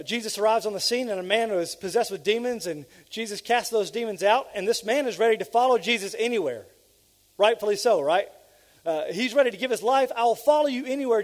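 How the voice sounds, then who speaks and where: A man in his thirties, a pastor preaching a sermon on a church stage with a headset mic, animated and gesturing, with frequent "uh" fillers. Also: sits high. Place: church stage, large hall. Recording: long hall reverb.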